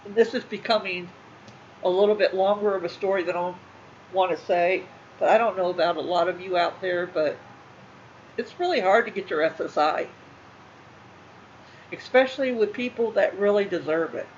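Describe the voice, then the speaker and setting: A middle-aged woman talks casually to her viewers, halting, repeating herself and sounding emotional. The recording is a little dull and muffled. A faint noise sits underneath her voice. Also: fairly low pitch. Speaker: channel host. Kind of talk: casual talk to livestream viewers.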